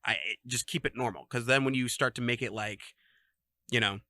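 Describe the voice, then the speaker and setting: A man's voice: medium pitch, fairly quick, pushed and bright. A man co-hosting a casual podcast, rambling with lots of fillers and laughing often. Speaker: podcast co-host. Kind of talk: casual chat.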